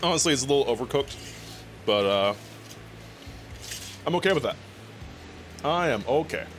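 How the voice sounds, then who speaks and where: A man's voice: medium pitch, lively intonation, moderate pace, soft background music. A man chatting casually with his viewers on a cooking live stream, laughing often and swearing now and then.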